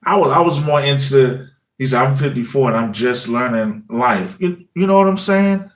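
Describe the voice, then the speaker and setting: This man in his forties, once a high school teacher and now a music channel creator, recounts his story in a relaxed, chatty way full of "you know what I mean" fillers. His mid-range voice moves at normal speed, and he animates lively quoted asides of things he once said.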